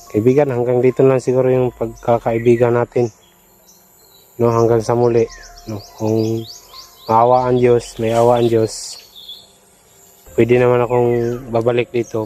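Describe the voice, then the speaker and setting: A man, talking casually in a vlog, soft-spoken and pleading as he coaxes. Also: medium pitch. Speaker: vlogger.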